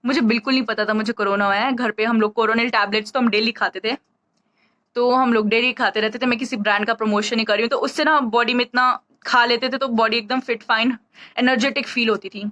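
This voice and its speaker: A woman's voice: a little high, steady tone, fast, a bit bright, rough recording. A woman telling a rambling, chatty story to camera in a casual vlog, short of breath as she speaks. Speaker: vlogger.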